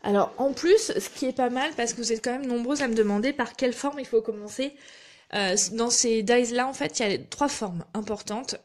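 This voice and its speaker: A woman's voice: on the high side, moderate pace. A woman, chatting casually while she demonstrates a craft project on a live stream. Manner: chatty, narrates her hands-on work with little asides. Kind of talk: live craft tutorial chat.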